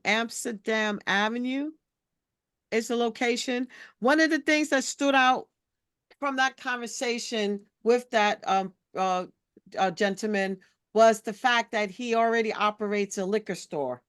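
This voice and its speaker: A woman leads a community board meeting over a video call, recapping earlier business in a relaxed, conversational way. Her voice sits a little high and comes through smooth and clean. The sound is close and dry. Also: unhurried, no echo. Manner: recaps matter-of-factly, loose and conversational. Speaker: committee meeting leader.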